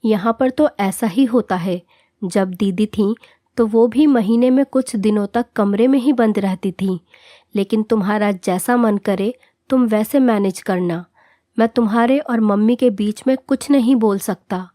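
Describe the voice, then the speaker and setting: A woman's voice: medium pitch, measured pace, warm tone, no room sound, studio quality, natural voice. A woman voicing an evasive young husband who brushes off the problem, in a storybook reading. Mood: dismissive. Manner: dismissive. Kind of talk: storybook narration.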